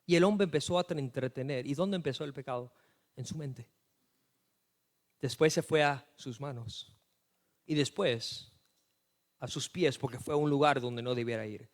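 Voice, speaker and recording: A man preaching a sermon as pastor, telling stories and swinging from hushed asides to loud emphatic lines. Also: medium pitch, normal speed, pauses often.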